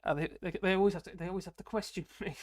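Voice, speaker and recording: A British man with a fairly high voice hosts a live stream, racing through viewer comments with fairly even intonation. He rambles casually, pokes fun at himself, and chuckles often.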